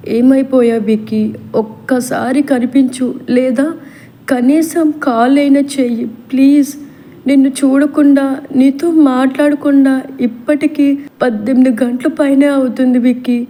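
A woman voicing a heartbroken young woman in an audiobook, speaking in a high, tearful, pleading voice. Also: steady tone, moderate pace, dark tone, lightly acted. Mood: longing. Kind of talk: audiobook role reading.

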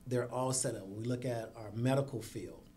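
Guest man, school equity director; mid-pitched, earnest, dry sarcasm. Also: steady tone, moderate pace, warm tone, a little hiss or hum. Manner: earnest, with sarcastic asides and laughter. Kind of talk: podcast conversation.

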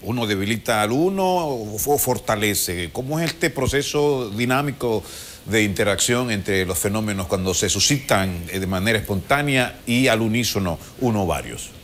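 A middle-aged man hosts live TV, asking wordy questions in a halting way. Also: fairly low pitch, expressive, fairly bright tone, a little hiss or hum. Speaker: TV host. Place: TV studio.

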